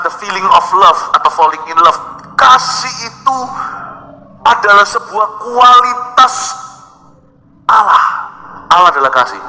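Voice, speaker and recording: Bright-voiced preacher in a reverberant hall. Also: male voice, sits high. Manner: mixes English phrases into his preaching; emphatic, swings between loud bursts and quiet drops. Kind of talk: sermon. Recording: long hall reverb with soft music behind.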